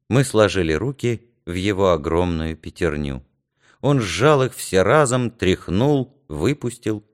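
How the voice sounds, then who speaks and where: A man narrating an audiobook in a low voice with a widely moving, expressive pitch. He drops softly at the ends of phrases. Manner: expressive, with soft lowered pauses.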